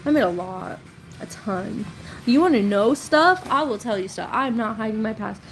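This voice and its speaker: A woman's voice: on the high side, expressive, normal speed, soft background music, poor audio. A woman in her thirties telling rambling, chatty stories about her past on a casual live stream, often breaking into laughs. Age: 30s. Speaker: storytelling creator.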